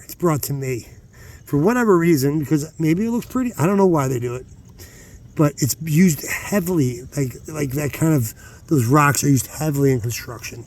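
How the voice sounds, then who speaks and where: Out rockhounding at night, a channel host speaks casually in a somewhat high, darkish voice. His vlog talk wanders and stalls, and he often interrupts himself.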